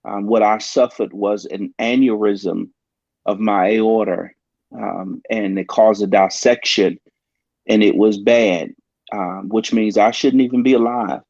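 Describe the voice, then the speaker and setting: A pastor with a low, creaky, slightly mellow voice keeps a steady tone while earnestly recounting a personal story, stumbling over frequent ums. The lo-fi talk-show-style audio is dry, dull and without echo.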